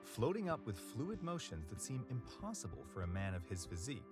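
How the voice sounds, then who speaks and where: A man's voice: fairly low pitch, sing-song, fairly quick. A man playing the narrator of a tongue-in-cheek dungeon adventure game, reading scripted narration. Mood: measured storytelling. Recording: game music behind the voice.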